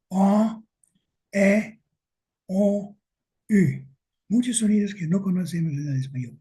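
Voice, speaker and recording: A man giving an academic lecture with slides, speaking slowly and deliberately and checking in with his listeners. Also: fairly high pitch, warm tone, husky.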